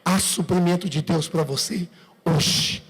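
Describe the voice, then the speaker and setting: A man's voice: a little high, unhurried, creaky, breathy edge. A male pastor delivering a sermon, emphatic and speaking directly to his congregation. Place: church sanctuary. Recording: long church-hall reverb.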